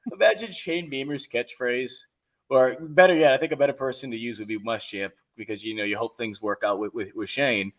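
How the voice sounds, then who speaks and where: A man's voice: mid-range voice, a little fast. A man with a Boston accent, co-hosting a sports talk show, who tells rambling stories full of restarts. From Boston area. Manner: rambling, animated storyteller with many restarts. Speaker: co-host. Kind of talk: sports radio chat.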